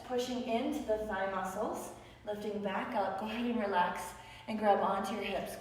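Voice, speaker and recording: Leading beginners through a yoga class, this instructor offers playful, encouraging cues in a raspy, slightly mellow mid-range voice that betrays fatigue from teaching many sessions. Picked up from a distance, her voice echoes heavily around the room with a long reverb tail.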